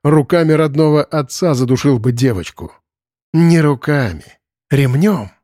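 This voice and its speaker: A man voicing a grim, weary border guard who speaks low and hushed, in an audiobook. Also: expressive, measured pace, dry recording, studio quality.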